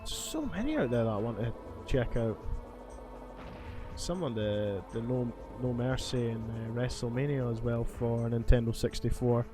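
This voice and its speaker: A gaming video host gives casual, rambling, sweary commentary while playing a video game. His voice is medium-pitched with lively intonation at a moderate pace, and faint video game music plays behind him.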